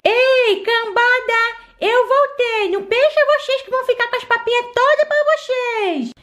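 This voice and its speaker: A woman's voice: extremely high pitch, moderate pace, a bit bright. A woman doing a sassy, jealous baby-girl doll. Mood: cheeky. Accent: Brazilian Portuguese. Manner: sassy, teasing, babyish. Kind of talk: toy doll play video.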